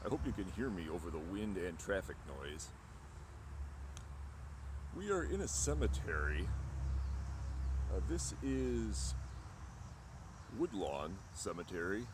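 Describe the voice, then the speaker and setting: A man, middle-aged, hosting an on-location vlog to camera outdoors, with a theatrical showman-like delivery and pauses, over wind and traffic. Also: low voice, very animated. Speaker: vlog host. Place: outdoors in an open park-like cemetery. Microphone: camera at arm's length.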